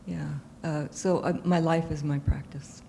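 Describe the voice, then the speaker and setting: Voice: mid-range voice, steady tone, measured pace, vocal fry, dark tone, a little hiss or hum. A retreat participant introducing themself to the group in a reflective way that trails off.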